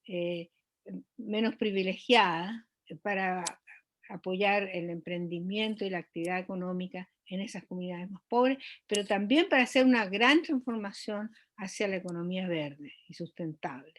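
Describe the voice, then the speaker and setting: A woman economist speaking as an interview guest, explaining at length with frequent hesitations and restarts. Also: medium pitch. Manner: measured, many hesitations and restarts.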